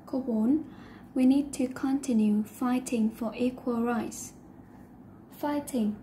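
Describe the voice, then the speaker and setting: A woman's voice: a little high, fairly even intonation, measured pace, mellow, a little hiss or hum. A woman teacher explaining an English lesson, patiently mixing English words into her talk.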